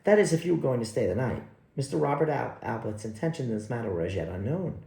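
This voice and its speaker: A man narrating an audiobook in an unhurried, expressive reading style. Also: mid-range voice, vocal fry. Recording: echoey room.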